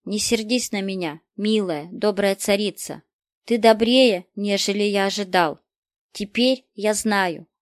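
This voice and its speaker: A woman's voice: medium pitch, unhurried, dry recording, lightly acted. A woman reading aloud, voicing a bold young peasant boy who pleads earnestly, in a dry close recording. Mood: contrite. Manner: pleading, heartfelt.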